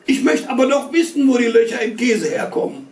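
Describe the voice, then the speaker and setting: A man's voice: very high voice, expressive, a little fast, vocal fry, a little mellow, pitched above the performer's own voice, heavily acted. A man voicing a whiny, curious little boy who keeps pestering his parents with questions. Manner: whining, insistent questions. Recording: roomy stage sound from far.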